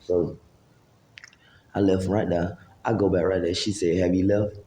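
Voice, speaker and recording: A man's voice: low-pitched, flat delivery, measured pace, dark tone, reverberant, slight background noise. A man, casually telling a long, profane, rambling story to camera and acting out what people said. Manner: rambling, profane street talk with acted-out quotes. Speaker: vlogger.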